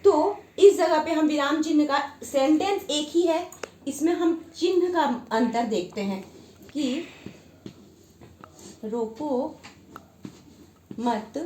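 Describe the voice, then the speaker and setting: High-voiced woman teaching in an echoey room. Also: lively intonation, mellow, a little hiss or hum. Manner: explains slowly with many repetitions. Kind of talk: Hindi grammar lesson.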